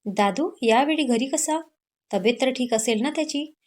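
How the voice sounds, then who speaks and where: A woman's voice: high-pitched, moderate pace, a little mellow. A woman voicing a caring, teasing college-aged younger sister in an audio story. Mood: worried. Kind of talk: Marathi audio story narration.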